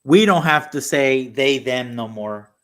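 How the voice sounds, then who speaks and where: A man's voice: mid-range voice, measured pace. A man co-hosting a casual political podcast, talking animatedly with frequent fillers and mocking put-on voices. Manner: animated, mocking impressions of opponents. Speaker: podcast co-host.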